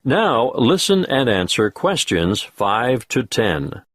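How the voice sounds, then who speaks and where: A man with a husky voice reading test instructions in a measured, formal way. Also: medium pitch, big pitch swings, a bit bright, no echo. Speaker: exam announcer.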